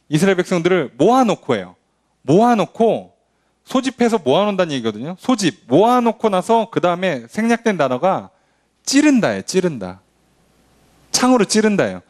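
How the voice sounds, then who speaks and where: A male pastor leads a midweek Bible study at church, teaching conversationally and with animation, even acting out quotes. His voice sits high.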